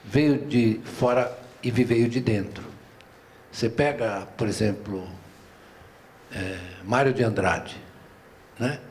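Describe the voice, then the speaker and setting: Unhurried older paulistano man at a panel. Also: lowish voice, darkish tone. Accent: Paulistano Brazilian Portuguese. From São Paulo, Brazil. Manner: unhurried, discursive, frequent "né?" tags and restarts. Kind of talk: round-table talk. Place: museum auditorium.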